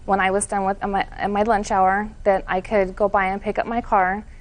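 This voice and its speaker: A woman's voice: medium pitch, level tone, a little fast. A woman testifying as plaintiff in court, telling her side in an earnest, detailed, somewhat defensive way.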